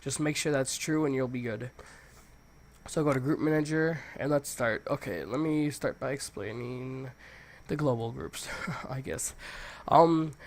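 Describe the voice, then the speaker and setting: A man with a stuffy, congested nose hosting a casual software tutorial, talking informally and thinking aloud as he goes. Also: medium pitch, a little slow. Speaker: tutorial host.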